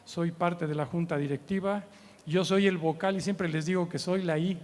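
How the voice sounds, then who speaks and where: In a church meeting hall, a man in his early seventies from Mexico City teaches informally, speaking with a Mexican accent and telling funny anecdotes; he is a guest preacher and missions trainer. His high-pitched voice is fairly even in intonation at a moderate pace, conversational, and frequently tagged with short questions asking for agreement. The church sound system adds long hall reverb.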